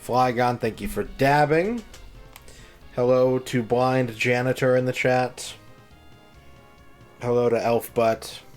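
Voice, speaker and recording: A man's voice: medium pitch, takes it slowly, pauses often, soft background music. A man streaming on a headset mic, chatting casually and greeting and thanking viewers one by one. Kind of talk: casual livestream chat.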